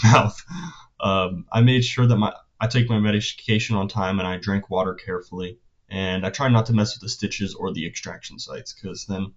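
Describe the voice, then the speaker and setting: A teenage young man talking casually in a personal vlog, with a hesitant, halting delivery and phrases that trail off. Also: lowish voice. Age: teenager, about 16. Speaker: vlogger. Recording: dull, lo-fi sound.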